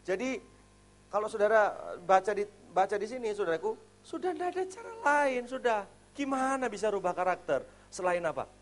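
High-voiced pastor preaching an animated sermon. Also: male voice, moderate pace. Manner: animated, swings between loud emphasis and quiet asides, colloquial. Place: church service.

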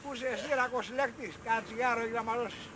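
A brash, shrill repairman boss. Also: fairly even intonation, noisy background. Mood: bossy scolding. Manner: brash, barking orders and name-calling. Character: bossy male repairman who insults his helper. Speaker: tradesman fixing a roller shutter. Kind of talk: 1980s comedy film acting.

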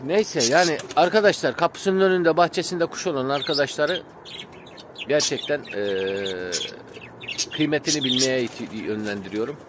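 A man talks in a fairly high voice, venting his frustration in a rambling, casual way with lots of fillers as he vlogs beside his pigeon coop. The outdoor recording is noisy, with pigeons cooing and birds chirping behind him. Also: moderate pace. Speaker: pigeon-keeping vlogger. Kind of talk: casual vlog talk to viewers.

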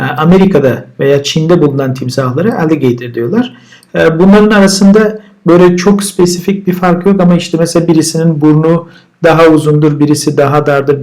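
Male teacher, slightly higher voice, repeats each word and then explains it calmly. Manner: relaxed explaining, with repeated words and translations. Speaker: English teacher. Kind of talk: vocabulary lesson.

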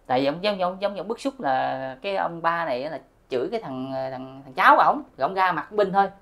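A man's voice: fairly high pitch, lively intonation, fast talker, pushed and bright. A middle-aged man, telling a spiritual story to his viewers in a repetitive style and addressing them directly. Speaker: host of a spiritual channel.

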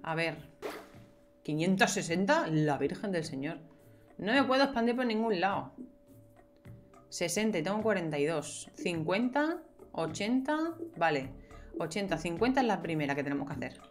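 Young woman chatting thru a game, kinda low voice, playful yelps, faint music behind. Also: big pitch swings, normal speed, long pauses. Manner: chatty, talks to herself and viewers, playful exclamations. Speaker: gameplay streamer. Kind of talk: casual gameplay commentary.

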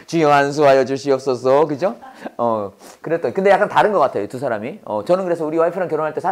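A Korean-speaking man teaching a Bible-based English lesson to a class. He drills phrases with call-and-response and laughs often. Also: fairly high pitch.

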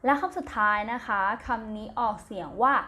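Brisk and mid-range, this Thai-accented woman's voice guides a primary English lesson. She spells out each word letter by letter, says it twice, then explains it, staying gentle and patient and ending phrases with polite particles. It is a slow recorded classroom lesson.

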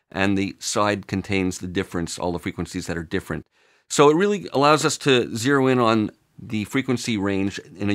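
Low-voiced man walking through a plugin. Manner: steady explanatory walkthrough, points at controls. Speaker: plugin tutorial presenter. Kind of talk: screen-recorded software tutorial.

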